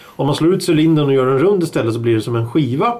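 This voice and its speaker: A man's voice: medium pitch, lively intonation, a little mellow. A middle-aged man co-hosting a casual chat, explaining things at length with restarts. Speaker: podcast co-host.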